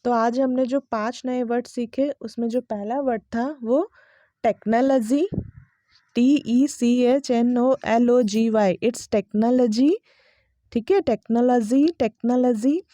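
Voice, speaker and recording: A young woman teaching English pronunciation in a relaxed lesson. Her voice is higher than most and warm rather than bright. She switches between Hindi and English and repeats each word slowly several times. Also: dry recording. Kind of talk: casual spoken lesson.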